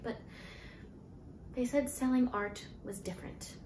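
A woman's voice: a little high, a little slow, darkish tone, lightly acted. An actress in her twenties playing a flustered, defensive young jobless graduate in a naturalistic stage monologue, rambling and hesitant. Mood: defensive, incredulous. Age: 20s. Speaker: actor performing a monologue. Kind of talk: naturalistic contemporary theatre monologue. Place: small bare-walled room indoors. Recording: echoey room, faint hiss and noise.

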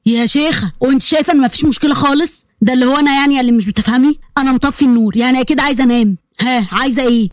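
A woman's voice: high voice, very fast, few pauses, no echo, studio quality, close to an everyday voice. Woman doing a scolding young Egyptian brother. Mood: exasperated. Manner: exasperated, scolding. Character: young adult man, stern older brother.

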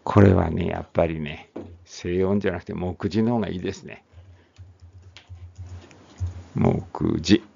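A man's voice: low voice, fairly even intonation, brisk, vocal fry, warm tone. A man teaching English phonics, reading a text aloud and then explaining it casually, often correcting himself. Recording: dull lo-fi recording.

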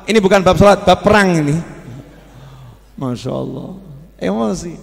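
A man with a Javanese Indonesian accent preaching a sermon in a folksy, animated storytelling manner. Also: high voice, normal speed, creaky. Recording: long hall reverb.

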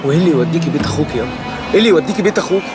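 A man's voice: fairly high pitch, expressive, racing, close to an everyday voice. An actor with an Egyptian accent playing a young man insistently begging his mother to come home. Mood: pleading. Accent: Egyptian Arabic. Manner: pleading, insistent. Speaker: son pleading with his mother. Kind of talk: Egyptian TV drama acting. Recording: music under the scene.

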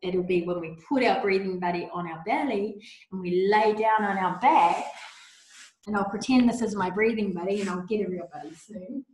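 Gentle woman in a very echoey room. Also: mid-range voice, moderate pace. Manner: soft, encouraging, coaxing; breathy audible sighs during breathing exercises. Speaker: children's yoga teacher. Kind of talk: gentle guided yoga lesson for children.

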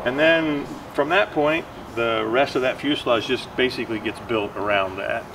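A man's voice: mid-range voice, moderate pace, far from the mic. An older man giving a factory tour of aircraft kits in a hangar, explaining with many fillers and restarts. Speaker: aircraft kit manufacturer. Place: large aircraft workshop hangar. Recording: noisy hangar background.

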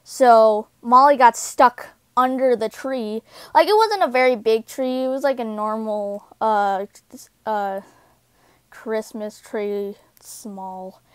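A young woman with a smooth, clear, slightly high voice recounts a childhood memory in a halting, casual way. She trips over words and leans on fillers as she goes. The sound is close and dry, with no room around it. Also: no echo. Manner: halting, many fillers and restarts. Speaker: storyteller. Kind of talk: casual personal story.

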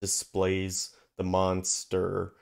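A man's voice: sits low, monotone, extremely slow, vocal fry. A man talking casually with a friend during a gaming session.

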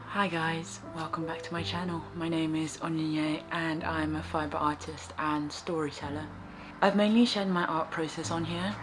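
A woman, talking to camera in a soft-spoken, reflective way while knitting in a small living room. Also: low voice. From England. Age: 20s. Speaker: fibre artist and vlogger.

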